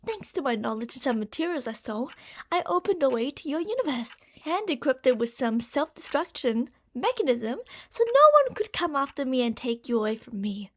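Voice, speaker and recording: In this ASMR roleplay monologue aimed at the listener, a woman voices a yandere girlfriend who is a delusional genius scientist, talking fairly quickly in a very high pitch. Lovesick, possessive and gushing, she moves from hushed secrets to excited devotion, sounding secretive and determined.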